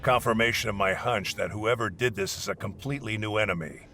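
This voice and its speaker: A man's voice: fairly low pitch, brisk, bright, forceful tone, faint music behind. A man playing a hostile, bossy warrior leading a scouting mission in a video game, curt and scornful. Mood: brusque, businesslike. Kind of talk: video game dialogue acting.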